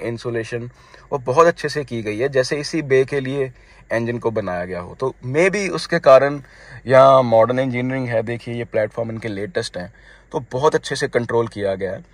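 A man in his thirties, his throat a little hoarse, talks through a casual review of his own car while sitting inside it. He chats with viewers as friends, at a middling pitch. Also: no room sound. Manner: chatty, mixes English phrases into his talk, addresses viewers as friends.

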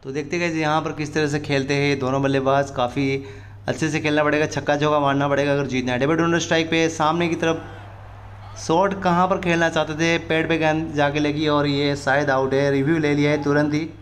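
Excited man doing higher-pitched cricket commentary. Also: fairly quick, slight background noise. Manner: repetitive, addresses viewers often. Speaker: gaming streamer commentating.

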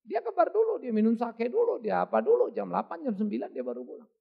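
Male pastor, sermon, very high pitch, animated, wordplay, dull lo-fi church recording. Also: fast talker, gravelly, husky. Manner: playful wordplay, rhetorical questions. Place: church service.

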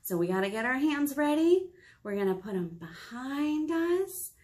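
This American woman, in her thirties, speaks in a high pitch and takes her time as she reads to children and talks with them warmly and expressively. The storytime takes place in a small indoor meeting room.

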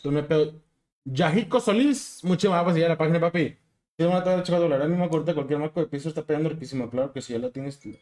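A young man with a Mexican Spanish accent streams a game and chats casually with viewers, hyped and slangy, constantly urging chat on. His voice is on the high side, very fast, with a darkish tone.

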